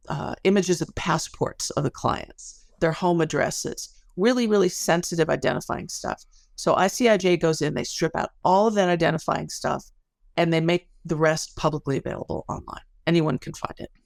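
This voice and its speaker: A middle-aged woman, an academic researcher, explains things thoughtfully and carefully as a podcast interview guest, frequently correcting herself. Her voice is deep and gravelly, captured in a dry, studio-quality recording.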